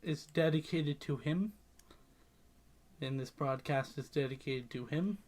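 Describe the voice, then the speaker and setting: A man's voice: fairly high pitch, a little slow, darkish tone. A young man co-hosting a casual podcast, playfully mimicking a news anchor with jokey banter. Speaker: podcast co-host. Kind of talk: casual mock news chat.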